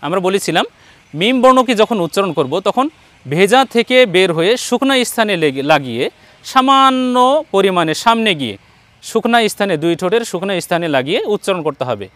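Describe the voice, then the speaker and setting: A man's voice: high voice, very animated, brisk, a bit bright, no room sound. A man with a Bangladeshi Bengali accent, teaching Quran letter pronunciation online and patiently repeating each sound for his students.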